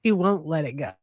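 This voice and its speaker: Her voice low, darkish and slightly rough, the same middle-aged psychologist chats casually on her livestream, a little nasal from a cold. She hedges, laughs and restarts often, and the recording is dry with clean studio quality.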